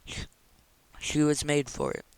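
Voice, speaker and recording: A man reading a novel chapter aloud in a steady, even narration. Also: a little high, a little slow, gravelly, smooth, no room sound, in a whisper, rough recording. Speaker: audiobook reader.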